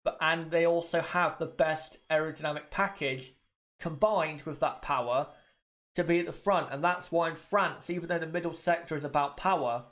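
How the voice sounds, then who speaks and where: Here a man from the United Kingdom, nursing a mild cold, chats loosely with viewers while hosting a watchalong stream, frequently circling back to the same points. The voice is a little high and fairly bright.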